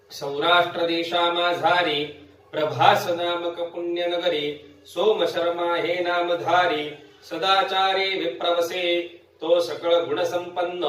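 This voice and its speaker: A man with a high voice chants devotional verse line by line, slow and melodic. He sits well back from the microphone. The room around him rings with heavy echo. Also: fairly bright tone. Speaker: scripture reciter. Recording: very echoey room, voice far from mic.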